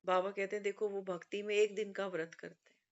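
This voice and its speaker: A spiritual speaker gives a devotional discourse in a medium-pitched, level voice, a little fast. She tells it like a story, often quoting teachings and slipping in conversational asides. The recording is muffled and lo-fi.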